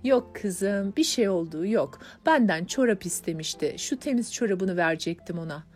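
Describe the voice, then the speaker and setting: In an audiobook, a woman voices a mild, kind middle-aged mother. Her mid-range voice is animated and darkish, close to an everyday voice, at a moderate pace over soft background music.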